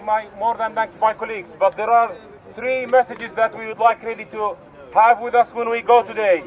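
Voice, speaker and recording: Earnest Palestinian man at a rally. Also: extremely high pitch. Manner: earnest, repeats and restarts phrases. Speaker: rally speaker. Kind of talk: speech at an outdoor rally. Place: outdoor street rally. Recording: tinny lo-fi outdoor recording.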